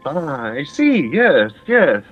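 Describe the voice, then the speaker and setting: Man voicing an imperious, unhinged lady sorceress, pitched up. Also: sing-song, takes it slowly, muffled recording, soft background music. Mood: polite, probing. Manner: probing, threatening.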